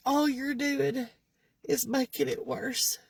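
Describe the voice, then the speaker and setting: A woman's voice: sits high, fairly even intonation, slow, gravelly, background noise. A middle-aged woman vlogging emotionally, tearful and pleading, her voice sometimes dropping into whispers. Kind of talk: emotional personal vlog.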